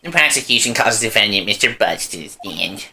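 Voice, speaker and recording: A man's voice: lowish voice, animated, brisk, bright, forceful tone, a little hiss or hum, full character voice. A man voicing an obedient male prosecutor in a courtroom video game, with a mocking, exaggerated delivery. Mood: formal.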